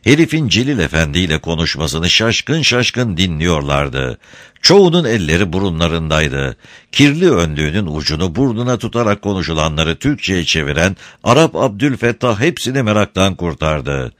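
Man, story narrator, low voice, measured, dry close sound. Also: big pitch swings, fairly bright tone, dry recording. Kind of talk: storytelling reading.

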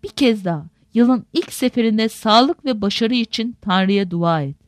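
A woman voicing a weary, resigned older male sea merchant uncle in a storybook reading, speaking gravely. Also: a little high, expressive, moderate pace, no echo, studio quality, close to an everyday voice.

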